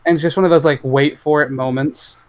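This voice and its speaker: A man's voice: on the high side, steady tone, fairly quick, a little mellow, low-quality recording. A man co-hosting a podcast, chatting casually in a laid-back, joking way about a tabletop campaign. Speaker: podcast co-host and tabletop player. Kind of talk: casual chat.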